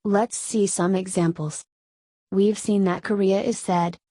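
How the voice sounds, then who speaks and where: A Spanish woman, a native Spanish speaker, explaining Korean grammar in English with a Spanish accent, in steady step-by-step scripted narration. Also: mid-range voice, measured pace, no room sound. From Spain. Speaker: Korean language teacher.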